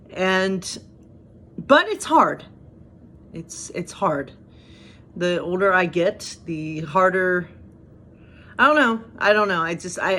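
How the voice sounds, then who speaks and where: A woman's voice: fairly low pitch, a bit bright, slight background noise. A woman pastor in her thirties, who talks in a chatty, self-deprecating way with light humor, moving between casual devotional talk and reading aloud. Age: 30s.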